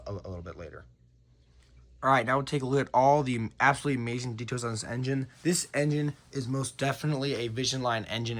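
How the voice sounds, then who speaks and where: A man with a scratchy, hoarse voice, giving an enthusiastic casual review of a model train and stumbling over his words now and then. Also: mid-range voice. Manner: enthusiastic, with frequent fillers and restarts.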